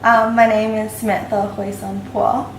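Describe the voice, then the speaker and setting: A woman's voice: medium pitch, little pitch movement, a little slow, distant mic, faint music behind. A young woman from Singapore with an Australian accent, chatting casually in an interview, with lots of fillers and frequent laughter. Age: young adult. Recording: echoey room, off-mic, faint ambience.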